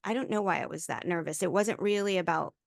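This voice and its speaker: A middle-aged woman hosting a casual podcast, talking about her own poker start in a rambling, relaxed way. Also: lowish voice, quick pace, creaky, no room sound, studio quality. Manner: rambling, self-interrupting, relaxed. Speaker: podcast host, poker player. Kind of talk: casual interview chat.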